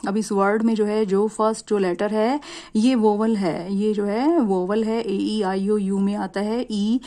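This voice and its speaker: A woman's voice: medium pitch, steady tone, warm tone. A woman teaching a grammar lesson to students, explaining step by step, asking rhetorical questions and using the filler "jo hai" often. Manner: explains step by step, asks rhetorical questions, drawls example words slowly. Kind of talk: classroom lesson.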